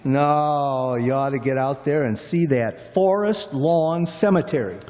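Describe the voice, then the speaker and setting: A man's voice: medium pitch, unhurried, a little mellow, close to an everyday voice. A man playing a chatty, folksy middle-aged cab driver in a radio play, rambling on in a drawl. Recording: long hall reverb.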